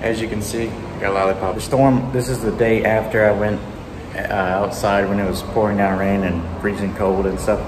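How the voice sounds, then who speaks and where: A young man talks casually to his phone camera, vlog style, with loose, slangy phrasing. He is indoors in a hard, echoey room, with loud background noise around his voice. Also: fairly low pitch, little pitch movement, moderate pace. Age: young adult. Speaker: vlogger. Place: indoors in a tiled vacation apartment during a storm. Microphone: phone at arm's length.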